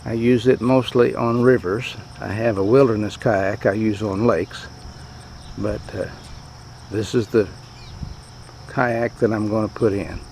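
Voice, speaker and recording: A man narrating a fishing trip outdoors by a rural creek in a plain, matter-of-fact, unhurried way, speaking into a handheld camera. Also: on the low side, fairly even intonation, a little mellow, a little hiss or hum. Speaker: fishing vlogger. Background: insects and countryside ambience.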